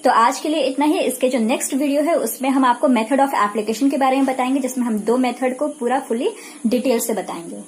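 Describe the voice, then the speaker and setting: In a high-pitched, slightly fast voice, a physiotherapy lecturer with an Indian accent explains concepts by asking questions and then answering them, using Hindi plus English technical terms. The recording is rough, with some hiss or hum.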